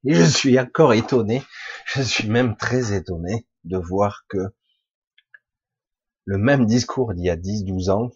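A man with a hoarse, husky, chesty voice recovering from a cough, giving a rambling, blunt, informal monologue to his followers, with casual swearing. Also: fairly low pitch, measured pace, pauses often, no echo, dull audio. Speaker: spiritual vlogger speaking to followers.

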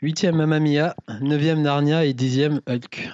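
A man running a film quiz among friends, brisk and teasing. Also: fairly high pitch, fairly even intonation, darkish tone, no room sound. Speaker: quiz host. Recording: dry, dull lo-fi recording.

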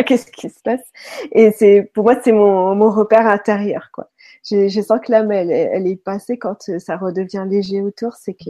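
A woman in a casual conversation, calmly sharing her own experience in a hesitant, thoughtful way. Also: mid-range voice. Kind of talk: casual chat.

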